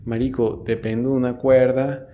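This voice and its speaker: A man's voice: mid-range voice, flat delivery, normal speed, mellow, slight background noise. A young Venezuelan man telling a story casually, full of slang and swearing, with many restarts.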